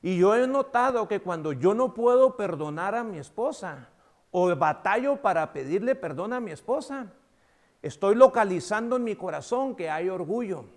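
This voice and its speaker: A man with a Mexican Spanish accent preaching a sermon as pastor, animated, acting out dialogue with big swings from loud to soft. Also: high-pitched, moderate pace.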